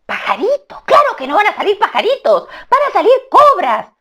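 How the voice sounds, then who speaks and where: A woman's voice: very high voice, huge pitch swings, normal speed, fairly bright tone, pitched above the performer's own voice, heavily acted. A woman doing a brave little mongoose. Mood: urgent. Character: small brave young mongoose, quick and clever.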